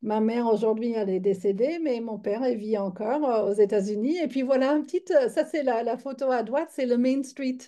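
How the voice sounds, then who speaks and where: A woman in her fifties from Michigan, a yoga teacher giving an online lecture in a chatty, halting way with many fillers and restarts. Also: fairly high pitch, mellow. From Michigan, United States. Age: 50s.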